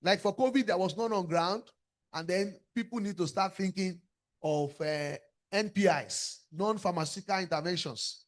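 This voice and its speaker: A man's voice: high voice, normal speed. A man giving an academic lecture, asking rhetorical questions and repeating words as he searches for the next one. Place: lecture room.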